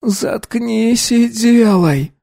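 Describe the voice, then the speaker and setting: A man's voice: extremely high pitch, extremely slow, vocal fry, dark tone, no room sound, clean studio sound, voice pushed up, exaggerated voice. A man voicing a stubborn young woman painter who snaps and growls orders. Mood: fierce. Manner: snapping, growling commands.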